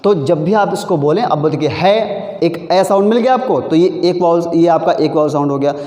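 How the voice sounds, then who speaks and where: A man's voice: a little high, brisk, warm tone. A man teaching a recorded exam-prep lesson, mixing Hindi and English, patiently asking questions and answering them himself. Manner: mixes Hindi with English, patient, addresses students as beta. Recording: echoey room.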